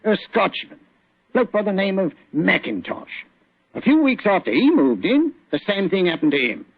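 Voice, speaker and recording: Gravelly police inspector Lestrade. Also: male voice, high-pitched, big pitch swings, moderate pace, no echo, full character voice. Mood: matter-of-fact. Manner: colloquial, chatty, deferential. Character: deferential, plain-spoken London police inspector. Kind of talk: 1940s radio acting. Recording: muffled vintage radio recording.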